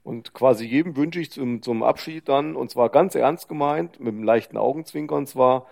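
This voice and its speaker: A man co-hosting a podcast in casual conversation, talking in a measured, reflective way with many small hedges. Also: mid-range voice, vocal fry, darkish tone. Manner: measured, reflective, hedging with fillers. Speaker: podcast co-host.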